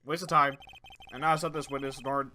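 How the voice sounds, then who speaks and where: A man's voice: mid-range voice, steady tone, brisk, sharp tone, soft background music. Arrogant cold prosecutor, curt and scornful, read by a man. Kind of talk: reading a game's dialogue aloud.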